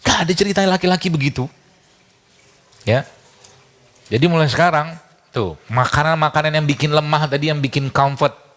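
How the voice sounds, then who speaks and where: A man's voice: fairly high pitch, fairly bright tone. A man giving a casual talk full of anecdotes. He chuckles often and acts out the dialogue he quotes.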